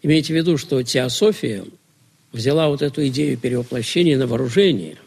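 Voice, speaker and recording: A man's voice: mid-range voice, animated, a little fast, creaky, darkish tone, slightly rough. A man lecturing to students on religion, asking rhetorical questions and answering them himself.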